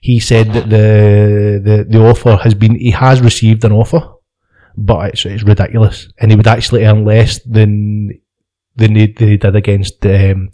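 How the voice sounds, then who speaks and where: Male podcast host, warm relaxed tone, loose sweary banter, frequent laughs. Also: lowish voice, moderate pace. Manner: laughs often, stumbling restarts, swears freely. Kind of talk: casual chat.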